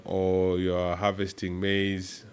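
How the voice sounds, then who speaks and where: A man from Kenya, a guest on a podcast, telling stories about growing up on a farm in a relaxed, animated way, with laughs along the way. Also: deep voice, slow pace. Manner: animated storyteller who laughs while telling anecdotes. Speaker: podcast guest, startup executive. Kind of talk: relaxed storytelling interview.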